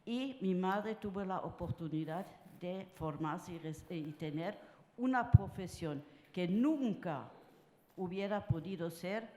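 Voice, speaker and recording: Older lady born in france talking slow at a panel, lots of eh's, roomy hall sound. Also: fairly low pitch, expressive, dark tone. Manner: halting, with many filler sounds. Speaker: conference panelist. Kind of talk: personal talk at a round table. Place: conference hall.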